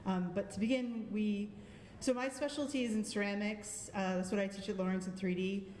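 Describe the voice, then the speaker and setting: In an echoey hall with long reverb and a little background noise, a Boston-accented art show juror offers friendly, thoughtful live critique, using lots of ums. Her medium-pitched voice has a darkish tone, fairly even intonation, and a moderate pace.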